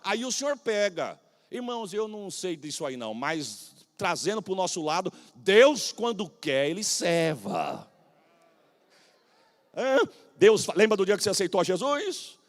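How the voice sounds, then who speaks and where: A Brazilian man in his forties, a pastor preaching a sermon, swinging between shouted proclamation and hushed, humorous storytelling. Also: high voice, big pitch swings, moderate pace, in a large hall. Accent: Brazilian Portuguese. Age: 40s. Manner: humorous, folksy anecdotes.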